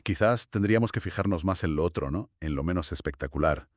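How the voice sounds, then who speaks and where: A man's voice: deep voice, lively intonation, brisk, no echo, studio quality. A man co-hosting a history podcast, reflective, prompting with questions and summaries in casual conversation. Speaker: podcast co-host asking questions.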